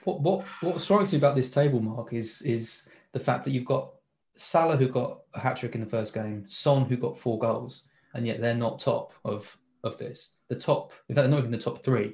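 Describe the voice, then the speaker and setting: A man's voice: mid-range voice, normal speed, a little mellow. A man chatting casually about football as a podcast co-host, listing names and repeating words as he starts. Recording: roomy echo.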